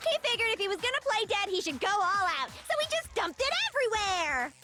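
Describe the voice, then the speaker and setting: A woman playing an excitable, naive schoolgirl in an anime game dub, exaggerated and dramatic. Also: high voice, moderate pace. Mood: excited exasperation. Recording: loud background music.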